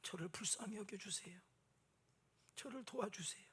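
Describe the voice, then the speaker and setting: A man's voice: high voice, moderate pace, husky, full character voice. A pastor acting out a tearful, ashamed man pleading. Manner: soft, broken, half-whispered plea. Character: humble tearful man, too ashamed to pray aloud.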